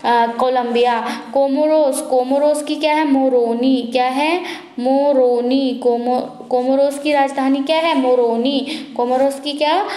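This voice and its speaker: A young woman teaching an exam-prep lesson, asking questions and slowly repeating each answer for students to memorize. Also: high-pitched, steady tone, warm tone, echoey room.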